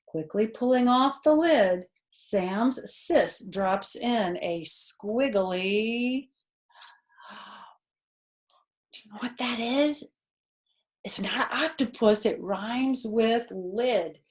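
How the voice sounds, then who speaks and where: With a fairly high pitch, drawn-out words and frequent pauses, a grandmother in her fifties reads to children indoors in the living room. Her reading is expressive, and she stops to explain words simply and to ask the children questions.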